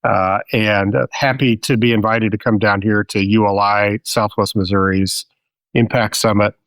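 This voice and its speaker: A man's voice: fairly low pitch, fairly even intonation, normal speed, a bit bright, dry recording. A man hosting a podcast interview, chatty and friendly, with frequent uh fillers. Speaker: podcast host.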